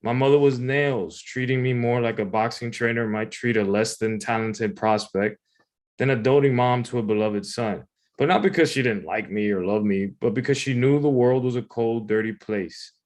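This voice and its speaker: A man's voice: medium pitch, moderate pace, darkish tone. Man reading his personal essay aloud. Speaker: writer reading own submission.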